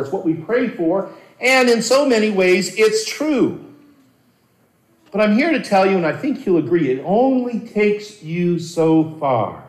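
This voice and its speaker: A man preaching a sermon as a pastor, earnest and animated, with dramatic pauses and repeated words. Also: on the high side. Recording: roomy echo.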